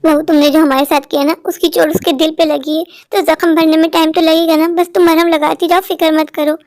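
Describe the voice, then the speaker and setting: A woman doing a calm, motherly old mother-in-law. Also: very high-pitched, brisk, no room sound, studio quality. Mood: soothing. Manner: calm, soothing, advising. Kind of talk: dubbed Hindi cartoon story.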